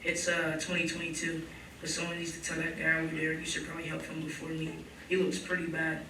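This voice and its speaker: Male actor as young college football star, high-pitched, echoey. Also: completely flat delivery, quick pace, sharp tone, slight background noise. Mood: dazed, casual. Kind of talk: stage play dialogue. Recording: echoey hall, distant, music behind.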